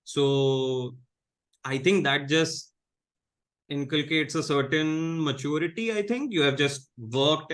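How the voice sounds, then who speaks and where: A man in his thirties with an Indian English accent, a guest in a casual interview, talking in a measured, low-key way with many fillers and restarts. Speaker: guest comedian.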